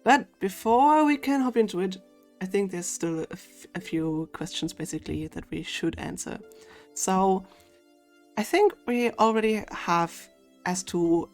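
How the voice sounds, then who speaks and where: A woman, running a tabletop game as game master on a stream, quick and chatty with frequent laughs. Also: medium pitch, expressive, a little mellow, faint music behind.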